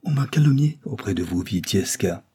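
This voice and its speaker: A man voicing an army major, a smooth seducer pleading earnestly. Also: on the low side, expressive, normal speed, dark tone.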